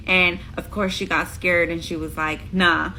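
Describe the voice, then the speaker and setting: A woman's voice: fairly low pitch, flat delivery, normal speed, pushed and bright, low-quality recording. A woman casually retelling a Bible story in slangy, chatty talk, acting out the quotes as she goes. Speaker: host.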